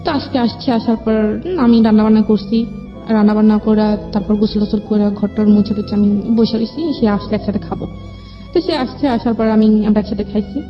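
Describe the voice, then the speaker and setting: A young Bangladeshi-accented woman, appearing as an interview guest, recounts her life story in casual speech that includes reported dialogue. Her mid-range voice moves a little quickly with fairly even intonation. The lo-fi recording sounds dull, with background music playing underneath.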